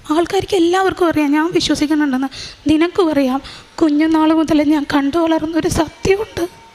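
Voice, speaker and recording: Young woman, high voice; earnest, halting testimony full of fillers. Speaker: testimony giver. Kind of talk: personal faith testimony.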